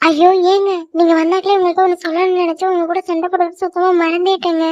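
A woman voicing a young cartoon wife who pleads and gets upset easily, with a whiny, squeaky voice. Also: little pitch movement, fast, a little mellow, no echo, lo-fi sound. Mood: pleading.

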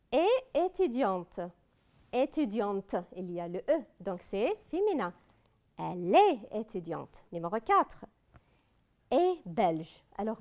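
A woman teaches a grammar review lesson in a studio at a slow, unhurried pace. Her pitch rises and falls freely as she stresses each word. She is patient and poses questions before supplying the answers. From Kuwait. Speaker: French teacher.

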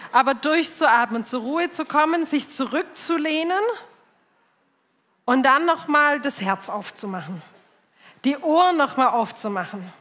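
Woman host on stage, slow easy talk, kinda high voice, echoey big hall. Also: fairly bright tone. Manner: slow, encouraging, addresses audience directly. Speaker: event host. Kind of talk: stage moderation. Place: large event hall.

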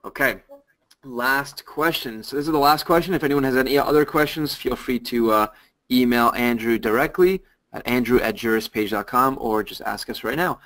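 A male webinar host reads audience questions aloud in a relaxed, conversational way. He echoes short affirmations between answers, and his voice sits at an ordinary middle pitch. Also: normal speed. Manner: casual, repeats affirmations.

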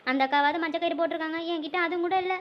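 A woman voices a cheeky, quick-witted young woman in a comic cartoon, high-pitched and rapid, with sarcastic asides. The sound is dull and lo-fi. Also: steady tone.

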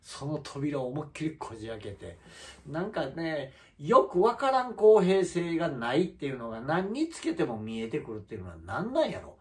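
A man's voice: fairly high pitch, big pitch swings, normal speed, darkish tone. A man with a Kansai accent, a comedian hosting his own channel, ranting in a heated, indignant way with many fillers. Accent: Kansai Japanese. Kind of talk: solo vlog rant.

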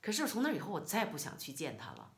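A middle-aged woman from China, telling a personal story in a casual, animated, indignant way. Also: sits low, fast talker. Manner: animated, indignant retelling with quoted dialogue. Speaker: vlogger.

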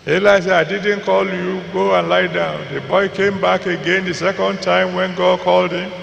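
Male preacher, Nigerian accent, very creaky gravelly voice, slow deliberate sermon phrasing, long hall reverb. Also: high voice, little pitch movement, fairly bright tone, lo-fi sound. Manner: deliberate, pausing between short phrases, repeating for emphasis. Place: large church auditorium with PA reverb. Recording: reverberant large hall, faint background noise.

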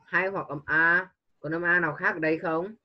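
A man's voice: on the high side, fairly even intonation, normal speed, highs cut off. A man tutoring a young pupil one-on-one online, patiently coaxing answers and mixing English prompts into his teaching.

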